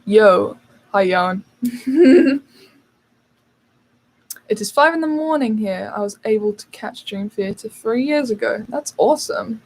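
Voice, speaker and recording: Hosting a relaxed livestream, a young British channel host from the United Kingdom chats and takes viewers' questions, using many fillers. Her voice is on the high side with lively intonation, and she speaks slowly with long pauses over a rough recording.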